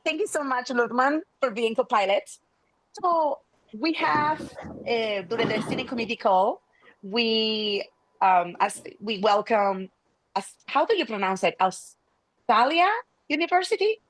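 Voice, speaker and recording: A woman's voice: a little high, expressive, a little slow, a little hiss or hum, low-quality recording. A woman whose first language is Spanish, hosting an online meeting in a friendly, hesitant way with many restarts. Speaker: meeting host. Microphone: video call.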